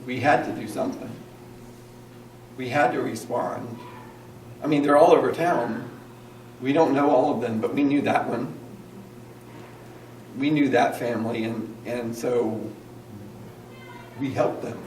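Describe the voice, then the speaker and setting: A man's voice: mid-range voice, unhurried, long pauses, darkish tone. A male pastor preaching with earnest energy and a middle-range voice. He is picked up from some distance in an echoey church hall. A faint hiss sits under him. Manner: earnest, calls the congregation to repeat lines. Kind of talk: sermon. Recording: echoey room, mic at a distance, faint noise.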